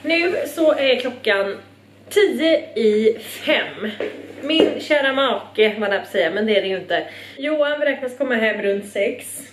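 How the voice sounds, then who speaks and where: A woman's voice: on the high side, expressive, reverberant, noisy background. Chatty young woman vlogging at home. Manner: chatty, bubbly, tired and rambling. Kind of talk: casual vlog chat.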